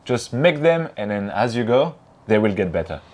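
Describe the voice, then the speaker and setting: A man's voice: fairly low pitch, sing-song, normal speed, a little mellow. Friendly French-accented man, interview guest. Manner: friendly, simple phrasing, frequent yeahs. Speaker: guest, YouTuber. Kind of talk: casual interview.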